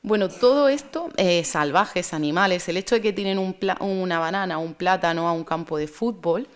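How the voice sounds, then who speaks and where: A woman speaking at a conference, lecturing in a measured, thoughtful way with pauses and restarts. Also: on the low side.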